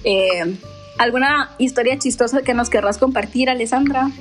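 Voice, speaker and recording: A woman of twenty-nine, co-hosting a casual chat. She tells stories in an animated way, swears freely and acts out the dialogue. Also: on the high side, normal speed, faint music behind. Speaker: podcast co-host.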